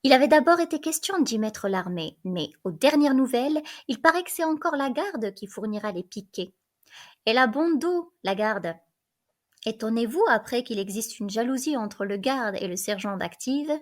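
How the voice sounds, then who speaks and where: A woman's voice: a little high, animated, normal speed. Woman reading a play aloud. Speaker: reader.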